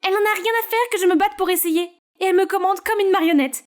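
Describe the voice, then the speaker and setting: A woman's voice: very high voice, fast talker, voice pushed up. Woman voicing a fed-up teenage girl. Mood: weary. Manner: complaining, exasperated.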